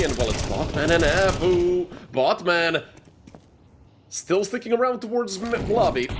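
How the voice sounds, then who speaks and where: There's background noise behind this young man from Serbia, whose voice is a little high. He casts an esports match by himself, chatting with viewers between plays.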